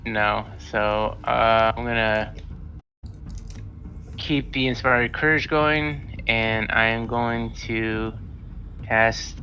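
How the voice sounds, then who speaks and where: A man with a gravelly, edgy voice mumbling his tabletop moves slowly and offhandedly. His mic sounds dull and lo-fi. A faint hiss sits underneath. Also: medium pitch, fairly even intonation, pushed and bright. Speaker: player. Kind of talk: casual tabletop play.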